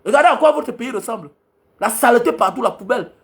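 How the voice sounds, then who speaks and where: A man's voice: very high voice, animated, fast talker, fairly bright tone. A man from Cameroon, a travel vlogger scolding his viewers in an angry, repetitive rant. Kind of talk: ranting monologue to viewers.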